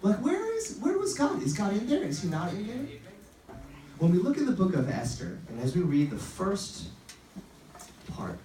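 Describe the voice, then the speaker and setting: A man with a high, dark-toned, sing-song voice preaches at a moderate pace, leaving long pauses. The youth sermon is upbeat and informal, told through conversational stories with quoted lines acted out, and it's captured from a distance in an echoey room with faint noise.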